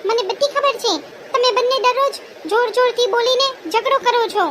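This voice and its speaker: An earnest, worried little daughter from a cartoon, played by a woman, speaking in a reproachful way. Her voice is very high. A hiss runs beneath it. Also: steady tone, brisk. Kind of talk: cartoon voice acting. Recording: noisy background hiss.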